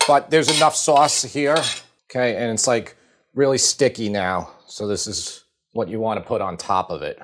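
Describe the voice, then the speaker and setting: A middle-aged man with a Long Island accent, showing a recipe in his home kitchen in a relaxed, chatty way full of fillers. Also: fairly low pitch, normal speed. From Long Island, New York. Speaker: cooking show host. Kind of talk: casual cooking demonstration.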